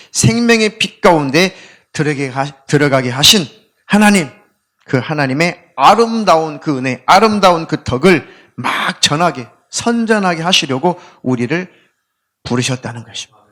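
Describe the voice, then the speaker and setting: A male pastor delivers his Sunday sermon in a church sanctuary. His fairly high voice swings widely in pitch. He mixes earnest exhortation with humorous, acted-out asides. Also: normal speed. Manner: lively, humorous preaching with acted inner voices; leads the congregation in call-and-response scripture reading. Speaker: senior pastor.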